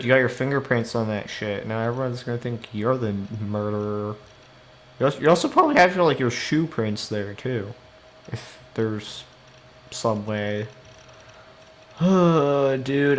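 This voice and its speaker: Live-streaming a game, a man with a fairly low voice narrates the story text and keeps interrupting himself to swear and laugh. Slight background noise can be heard.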